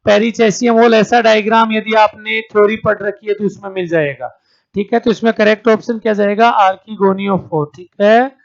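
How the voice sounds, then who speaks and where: A male teacher runs an exam-prep class in a high, light voice, posing each question to his students and answering it himself. He calls them "beta" and keeps checking in with them. The sound is dull and lo-fi, like a streamed lecture. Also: fairly even intonation, moderate pace. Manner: calls students 'beta', checks understanding with 'theek hai'.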